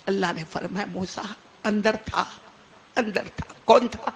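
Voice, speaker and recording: A man preaching an impassioned sermon in a mosque, swinging from hushed storytelling to shouting. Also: sits high, fairly even intonation.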